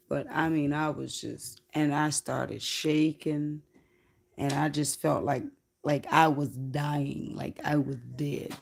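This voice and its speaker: A woman livestreaming, telling a spiritual story in a slow, reflective, casual way with some swearing. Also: low-pitched, gravelly, a little mellow.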